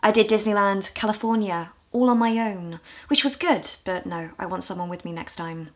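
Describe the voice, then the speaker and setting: A woman from the UK in her twenties, talking candidly and with self-deprecating humor in a casual vlog, her voice a little hoarse. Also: mid-range voice, moderate pace. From United Kingdom. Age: 20s. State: hoarse, low on voice. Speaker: vlogger.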